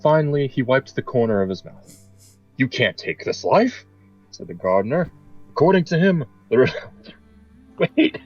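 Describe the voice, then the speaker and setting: A man's voice: mid-range voice, big pitch swings, normal speed, pauses often, slightly rough, dry recording, highs cut off, soft background music. A young man reading a garbled story aloud, often breaking off to laugh and comment. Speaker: reader and channel host. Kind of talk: improvised comedic reading.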